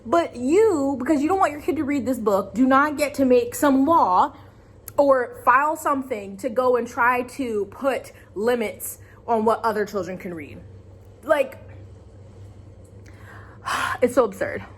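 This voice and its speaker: Casting: female video commentator, higher-pitched, casual, emphatic, exasperated conversational delivery. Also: animated, a little slow, husky. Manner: conversational, exasperated, emphatic, voices imagined quotes. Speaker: video host. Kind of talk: casual opinion commentary to camera.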